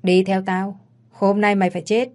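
A woman's voice: medium pitch, flat delivery, normal speed, darkish tone, lightly acted. A woman voicing a coarse male hired thug who threatens his victim. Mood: menacing. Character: brutal male thug in blue shirt, hired killer.

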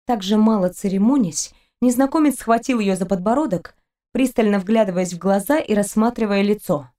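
A woman narrating an audiobook in an even, steady reading voice. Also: medium pitch, normal speed. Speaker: audiobook reader.

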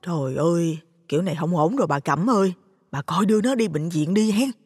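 A man voicing a friendly, loud-voiced older village neighbor woman in falsetto. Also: fairly quick, slightly rough, clean studio sound. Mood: concerned. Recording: long reverb.

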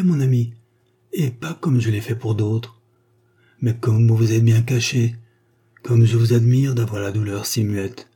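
A man's voice: medium pitch, dark tone, husky. A man voicing a wistful refined woman of fifty. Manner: earnest, heartfelt confession. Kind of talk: audiobook reading of a short story.

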